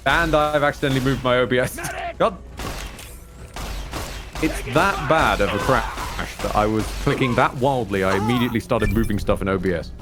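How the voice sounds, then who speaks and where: A man's voice: medium pitch, normal speed, over music. A man co-hosting a game stream in casual banter, rambling and joking in a wry way. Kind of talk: casual gaming banter and commentary.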